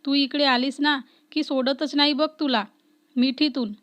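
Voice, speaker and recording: A woman's voice: high-pitched, steady tone, unhurried, fairly bright tone. Woman voicing a caring, emotional young woman. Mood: teasing.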